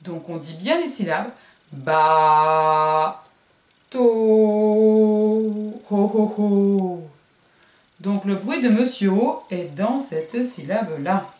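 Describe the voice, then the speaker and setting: A woman's voice: mid-range voice, very animated, a little slow, a little mellow. A woman kindergarten teacher giving a remote phonics lesson to young children, sounding words out syllable by syllable and encouraging them. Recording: roomy echo.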